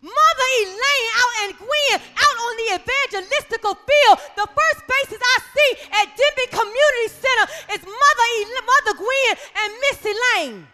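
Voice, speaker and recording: A woman in her forties preaches with a very high, bright and forceful voice. Her delivery is impassioned and call-and-response, and it swells into shouts. The long reverb of a big church hall trails her words over faint music. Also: normal speed, few pauses. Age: 40s. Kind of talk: sermon.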